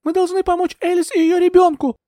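A man reading an audiobook, voicing a desperate young woman heroine in pleading, shouted protests. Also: very high-pitched, little pitch movement, fairly quick, no room sound, clean studio sound, pitched above the performer's own voice. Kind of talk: audiobook character voice.

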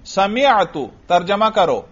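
A man's voice: high-pitched, lively intonation. A man teaching an Arabic grammar lesson, questioning a student and repeating the answers. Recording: dull lo-fi audio.

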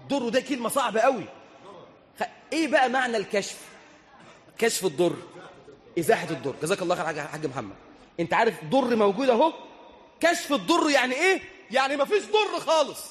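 A man with an Egyptian accent preaching, telling stories with humor and chanting scripture verses in an animated way. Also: very high voice, quick pace, long pauses. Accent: Egyptian Arabic. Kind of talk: humorous storytelling sermon. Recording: reverberant hall.

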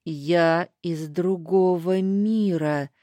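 A woman voicing a calm, grave blind man. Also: fairly low pitch, takes it slowly, no echo. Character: blind, calm, caring man from another world.

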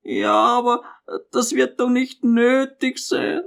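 Brief: frail old mother, hesitant and plaintive, put on by a male reader, raised pitch, audiobook. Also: fairly even intonation, takes it slowly, creaky, a bit bright, full character voice. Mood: timid anxious. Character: timid frail old mother, fearful and meek.

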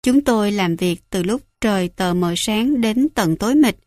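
A woman narrating a first-person story as an audiobook, in a measured and reflective way. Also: mid-range voice, animated, a little mellow, no echo.

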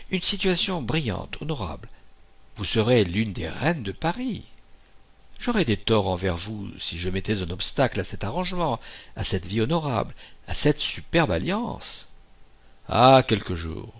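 Gravelly, expressive male audiobook reader. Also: lowish voice. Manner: expressive reading with occasional hesitations. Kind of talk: audiobook narration.

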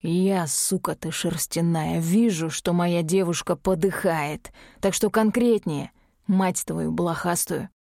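A woman reading an audiobook, voicing a tense, furious young male necromancer in a low, strained voice. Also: fairly even intonation, slow, creaky, darkish tone, no room sound, clean studio sound. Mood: tense, angry.

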